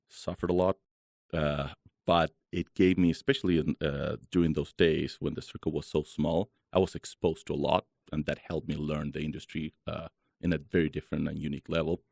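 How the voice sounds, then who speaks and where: A man from Chile in his thirties, a guest talking in a relaxed, chatty way with many fillers. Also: sits low, dry recording, clean studio sound. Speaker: guest, solar company founder. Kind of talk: casual interview talk.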